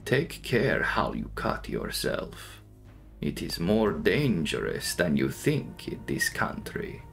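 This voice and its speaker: A man voicing a menacing, commanding vampire count in a gothic audiobook, speaking slowly and deliberately. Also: low voice, wildly swooping pitch, gravelly, a bit bright, soft background music, pitched below the performer's own voice, full character voice. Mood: ominous warning. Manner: slow, deliberate, ominous. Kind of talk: dramatic audiobook reading of gothic novel.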